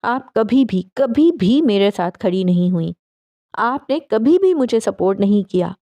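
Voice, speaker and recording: A woman voicing an enraged young woman who shouts and bites out her words at her mother. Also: mid-range voice, lively intonation, no room sound, natural voice. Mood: furious. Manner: shouting, then cold and biting.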